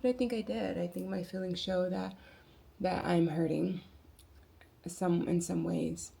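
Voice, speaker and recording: A woman talking quietly to her camera in a personal vlog, reflective and searching for words, sometimes dropping into quiet asides. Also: fairly low pitch, fairly even intonation, unhurried, vocal fry. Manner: soft-spoken, musing, with quiet asides. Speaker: vlogger.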